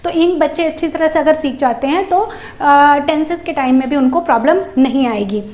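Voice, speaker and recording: A woman giving a phonics lesson for parents, patiently repeating sounds slowly and clearly. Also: sits high, a little mellow, roomy sound. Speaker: English teacher for parents of young children. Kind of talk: phonics lesson in Hindi mixed with English.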